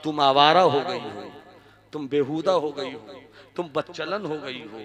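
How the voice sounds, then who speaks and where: A man's voice: on the high side, a little slow, a crowd in the background, close to an everyday voice. A man doing a raging jealous husband. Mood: accusing. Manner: furious shouting. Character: paralysed jealous husband, enraged.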